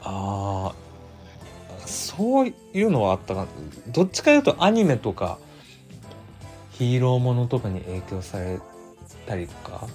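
Lively chatty man with a Kansai lilt. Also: lowish voice, unhurried, pauses often, faint music behind. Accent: Kansai Japanese. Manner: chatty, animated, muses aloud with frequent fillers. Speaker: livestream radio host. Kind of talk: casual solo chat reading listener messages.

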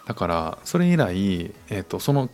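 A man's voice: low-pitched, sing-song, moderate pace, a little mellow. A man hosting a casual podcast monologue, talking with lots of fillers and restarts. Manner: hesitant, many fillers and restarts. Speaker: podcast host.

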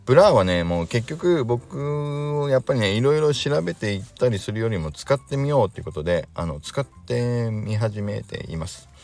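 A man's voice: mid-range voice, animated, moderate pace, few pauses, darkish tone. A man hosting his own podcast, chatting casually and rambling with lots of fillers and self-amused asides. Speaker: podcast host. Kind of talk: casual solo chat.

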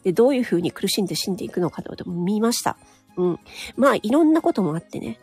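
With soft music in the background, a woman speaks in a mid-range, husky, slightly mellow voice, very animated and quick. She's a solo broadcaster on her own channel, talking casually and candidly with frequent nodding asides and tag particles.

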